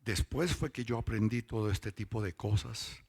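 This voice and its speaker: This man's lowish voice is gravelly and husky. He's a lay preacher testifying at a church meeting, spinning stories and stretching out words to stress them.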